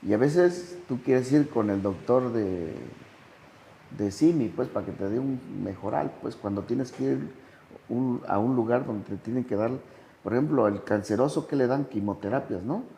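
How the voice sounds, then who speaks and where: Gravelly man telling slow anecdotes. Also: mellow, long reverb tail, a little hiss or hum. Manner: slow, measured delivery with dramatic pitch swings when telling anecdotes. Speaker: sponsor and podcast guest. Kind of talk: reflective conversational storytelling.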